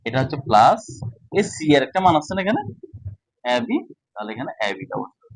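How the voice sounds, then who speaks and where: A man's voice: on the high side, very animated, fairly quick, slightly rough, no room sound, poor audio. A man teaching a casual whiteboard lesson, explaining step by step and often checking that students follow.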